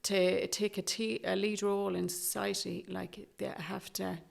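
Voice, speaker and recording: Very creaky-voiced Irish woman, fairly flat. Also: mid-range voice, unhurried. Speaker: interview guest, Traveller education activist. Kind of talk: conversational interview.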